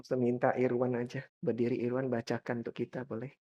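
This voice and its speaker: Male pastor, lively sermon delivery with high emphatic peaks, mid-range voice. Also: fast talker, dull audio. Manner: lively, rising to high emphatic peaks, addressing the congregation often.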